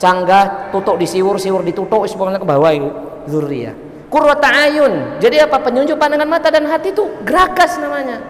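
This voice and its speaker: Javanese preacher in an echoey mosque. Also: male voice, sits high, quick pace. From Indonesia. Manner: conversational, mixes in local words, quizzes the congregation. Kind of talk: Ramadan mosque sermon. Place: large mosque hall. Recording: echoey mosque hall with long reverb.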